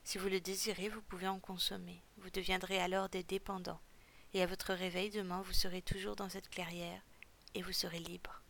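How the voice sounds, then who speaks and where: A cold, menacing male captor chief speaks from a storybook, put on by a woman reader. His voice is low and gravelly, his tone flat and controlled, each threat delivered without heat. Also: normal speed. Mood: cold menace.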